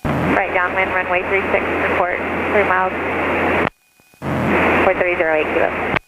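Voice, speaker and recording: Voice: medium pitch, flat delivery, normal speed. A pilot speaking over the radio in clipped position reports and readbacks. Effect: aircraft radio transmission. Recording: very noisy aircraft radio audio.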